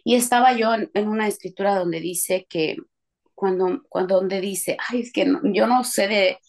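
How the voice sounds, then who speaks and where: A woman telling a lively story to her church group, laughing and trailing off as she goes. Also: medium pitch, normal speed, vocal fry. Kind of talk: casual storytelling testimony.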